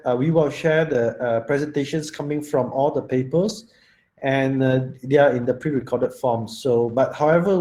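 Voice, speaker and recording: A man chairing an online conference session, giving halting welcome remarks with non-native phrasing. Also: medium pitch, a little mellow.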